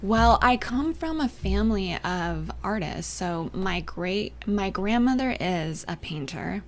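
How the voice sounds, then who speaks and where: A young adult woman from Canada and Northern California, chatting as an interview guest, soft-spoken and often trailing off into near-whispers. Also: mid-range voice, expressive, takes it slowly. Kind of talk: casual interview chat.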